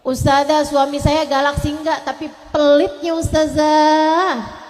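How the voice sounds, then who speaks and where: An exasperated wife acted out by a woman preacher, loud and whiny, drawing out her complaints. Her voice sits high and rings with a long hall reverb. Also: level tone, unhurried, soft background music.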